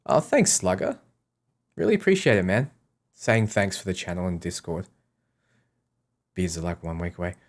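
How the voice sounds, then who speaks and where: A game streamer with a low voice answers chat questions casually, reading each one aloud before replying offhand. He often repeats short sentences to drive his point home, speaking in a sing-song way at a moderate pace with frequent pauses.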